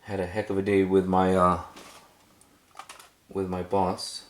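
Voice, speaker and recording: In an unhurried, monotone, low voice, a cassette collector and video host rambles through a casual show-and-tell of his collection. He sounds hesitant and repeats words for emphasis.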